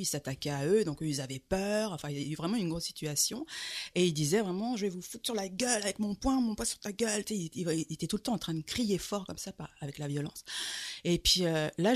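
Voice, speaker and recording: Québécoise lady telling a story, lots of euh's, gets animated. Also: sits low. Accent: Québécois French. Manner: lively, animated retelling with many fillers. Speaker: guest. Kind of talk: storytelling in conversation.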